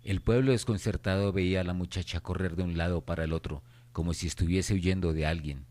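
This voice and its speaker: Low-voiced man narrating radio horror. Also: fairly even intonation, a little fast, a little mellow, slight background noise.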